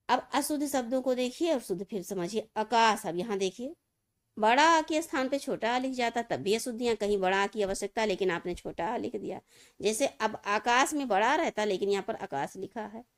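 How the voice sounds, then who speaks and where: A woman Hindi grammar teacher giving a video lesson, reading misspelled words and then their right forms, and often addressing her students as children. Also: medium pitch. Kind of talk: classroom-style video lesson.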